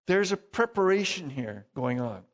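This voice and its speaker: A man's voice: sits high, very animated, moderate pace. A man preaching a sermon as pastor, conversational and self-deprecating, full of rhetorical questions. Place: church. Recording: dull, reverberant church hall recording.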